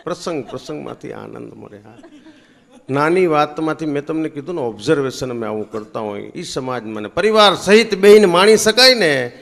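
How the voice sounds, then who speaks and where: Teasing comedian man, lively storytelling. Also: fairly quick, vocal fry. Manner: chatty and teasing, with big swings in pitch and loudness. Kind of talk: stand-up comic storytelling.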